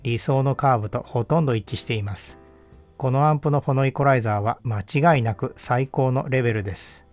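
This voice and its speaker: A man giving calm, measured, scripted narration that explains equipment test results step by step. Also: medium pitch, soft background music. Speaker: audio equipment reviewer. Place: voice-over.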